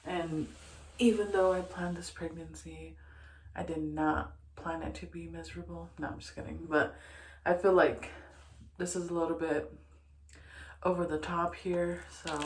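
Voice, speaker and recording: A woman's voice: on the low side, little pitch movement, a little slow. A young woman, short of breath, chatting casually to camera in a rambling way, full of fillers and restarts. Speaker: vlogger. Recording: echoey room.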